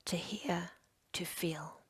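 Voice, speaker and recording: Her breathy, husky near-whisper sits fairly low as this yoga nidra instructor leads a relaxation meditation. The phrases are short, measured and soothing, and the recording has no echo.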